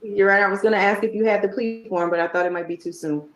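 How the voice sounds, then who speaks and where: A woman's voice: mid-range voice, steady tone, fast, roomy sound, poor audio. A woman speaking as a public defender in a courtroom recording, addressing the judge.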